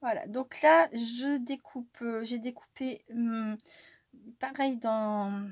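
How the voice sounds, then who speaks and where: Chatty, excitable French-speaking crafter woman. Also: fairly high pitch, slow pace, no echo. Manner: chatty and excitable, with many fillers and restarts. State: tired. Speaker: scrapbooking vlogger. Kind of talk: casual crafting tutorial chat.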